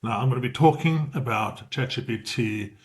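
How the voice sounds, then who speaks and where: A middle-aged South African man casually walks viewers through a screen-share tutorial, explaining informally and correcting himself as he goes. His voice sits at medium pitch and moves at normal speed.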